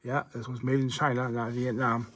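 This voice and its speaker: A man casually reviewing an action figure, relaxed and rambling with lots of fillers and restarts. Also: medium pitch, normal speed, a little hiss or hum. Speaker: toy reviewer.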